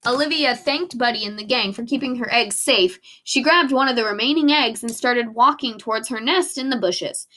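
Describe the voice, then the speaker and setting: A teacher with a voice on the high side reads a storybook aloud to children, expressive and instructive, pausing now and then to ask them questions.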